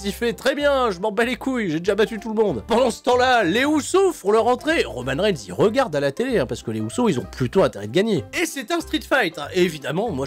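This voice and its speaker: A man giving a casual, sarcastic recap of a wrestling show, quoting the wrestlers as he goes. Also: on the high side. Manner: animated and sarcastic, quoting wrestlers with put-on lines. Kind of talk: casual comedic recap commentary.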